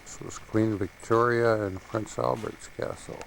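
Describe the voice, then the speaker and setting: A man's voice: lowish voice, steady tone, measured pace, gravelly, slight background noise, poor audio. A man on an old VHS home video tape, casually describing the sights as he films a tour outdoors. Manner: plain commentary describing sights. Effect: old VHS camcorder tape sound. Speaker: tourist filming a home video. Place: outdoors in the countryside. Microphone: built-in camcorder mic.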